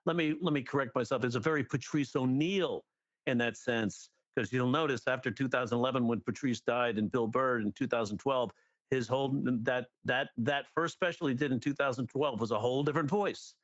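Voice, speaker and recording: A middle-aged man, a guest comedy writer and teacher, in casual podcast chat, lively and acting out jokes as he explains them. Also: mid-range voice, a little fast, no echo, muffled recording. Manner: animated, acts out jokes and quotes.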